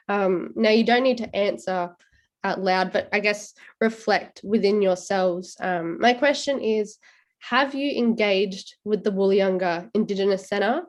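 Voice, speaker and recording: A woman's voice: mid-range voice, a little mellow. Woman, congested, short of breath, earnest, direct, video call. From Australia. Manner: earnest, direct, challenging the audience. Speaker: student panelist. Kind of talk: virtual panel remarks.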